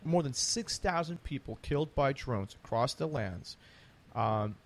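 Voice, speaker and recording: A man's voice: mid-range voice, expressive, a little slow. A man hosting a conversational interview, talking emphatically and repeating phrases to drive points home. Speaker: interview host.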